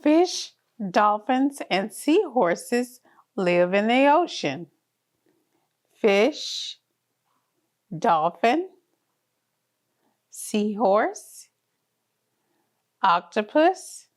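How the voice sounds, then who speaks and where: This children's story reader narrates a picture book for toddlers in a fairly high, very animated voice. She reads very slowly and pauses often, staying sing-song, encouraging and child-directed.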